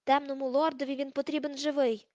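A sharp, arrogant teenage boy, as a woman acts him out, snapping irritated orders in a storybook. The voice is high and close. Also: flat delivery, fairly quick, dry recording, highs cut off, natural voice. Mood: commanding.

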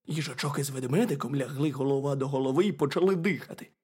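A man reading a children's story aloud in a gentle, expressive narrating voice. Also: mid-range voice, fast talker, slightly rough.

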